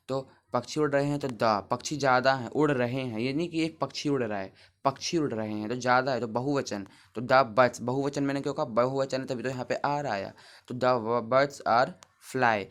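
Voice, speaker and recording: Man, teacher, patient, step-by-step, spells letters aloud, middle pitch. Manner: talks to the class as children. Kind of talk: Hindi grammar lesson at a board.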